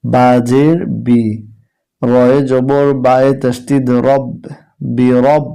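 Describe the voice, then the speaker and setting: A man teaching Quran reading, spelling each letter and vowel slowly before reciting the verse. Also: mid-range voice, little pitch movement, mellow, smooth. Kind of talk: slow spelled-out Quran lesson.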